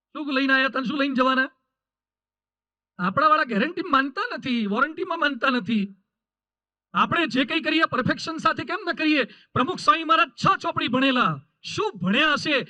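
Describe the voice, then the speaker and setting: A man's voice: extremely high pitch, bright, forceful tone, dry recording, poor audio. A man giving a sermon to a gathered audience, emphatic and repetitive, telling stories and acting out the people in them. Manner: emphatic, repetitive lists, voices characters in stories. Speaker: swami preacher. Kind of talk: sermon with anecdotes.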